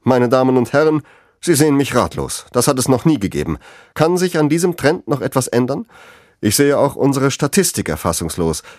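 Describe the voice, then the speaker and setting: A man's voice: mid-range voice, sing-song, fairly quick, darkish tone, dry recording, clean studio sound, voice pushed up, natural voice. A man reading aloud as a flustered election-night TV moderator trying hard to keep his composure. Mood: stunned. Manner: strained, struggling for composure.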